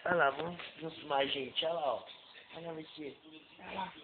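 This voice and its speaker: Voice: mid-range voice, a little fast. An older sibling in a casual home video, coaxing and teasing a little sister with playful questions. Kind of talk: casual home video, talking to a small child. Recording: tinny phone-like home video with background chatter.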